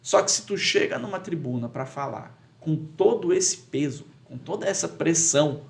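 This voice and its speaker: A man, a lawyer and public speaking teacher answering as a podcast guest, talking emphatically and getting loud when he acts out a courtroom plea. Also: a little high, lively intonation, normal speed, gravelly. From Pará, Brazil.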